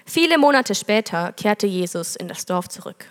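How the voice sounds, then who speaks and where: A woman's voice: mid-range voice, big pitch swings, normal speed, long reverb tail. A woman preaching a sermon, telling a parable earnestly and reading scripture aloud.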